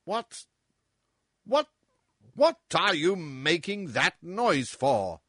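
A man's voice: fairly high pitch, wildly swooping pitch, slow, fairly bright tone, dry recording, clean studio sound, voice pushed up, full character voice. A man voicing a cruel, boisterous old king who mocks and bellows at his jester in a storybook reading. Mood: mocking, blustering. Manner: bellowing, mocking, laughs harshly.

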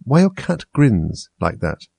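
A man's voice: mid-range voice, big pitch swings, takes it slowly, vocal fry, warm tone, breathy edge, dry recording, heavily acted. A man voicing Alice, a timid, polite young girl who asks earnest questions.

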